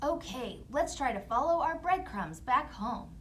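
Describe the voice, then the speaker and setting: Woman doing a high, earnest storybook child. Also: expressive, measured pace, fairly bright tone, slight background noise. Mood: anxious. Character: young children lost in woods, earnest and wary.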